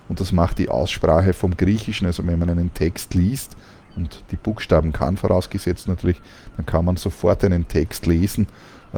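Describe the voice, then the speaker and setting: A man calmly explaining Greek pronunciation in a lesson, with frequent fillers. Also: deep voice, slight background noise. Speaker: language teacher.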